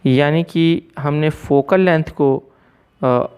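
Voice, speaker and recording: A man teaching a recorded physics lesson, mixing Hindi with English terms, explaining slowly and checking in often with his students. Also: fairly high pitch, darkish tone, clean tone.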